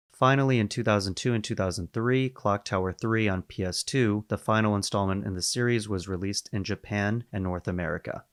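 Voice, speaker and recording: Lowish-voiced man talking through a video essay. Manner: conversational, explains step by step with asides. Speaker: gaming video host. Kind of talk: casual video essay narration.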